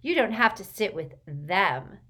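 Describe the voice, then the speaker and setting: A woman's voice: mid-range voice, lively intonation, measured pace, husky. Romilda, a woman doing a brash schoolgirl. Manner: loud, confident. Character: bold confident teenage schoolgirl.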